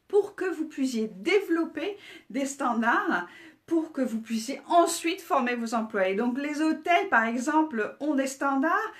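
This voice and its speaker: A woman with a French accent hosting a casual business talk, chatty, with many hesitations and restarts. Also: sits high. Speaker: host.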